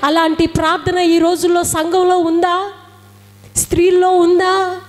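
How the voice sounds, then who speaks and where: A woman's voice: extremely high pitch, completely flat delivery, a little slow, in a large hall, soft background music. A woman preaching a fervent sermon, firing rhetorical questions and repeating phrases for emphasis.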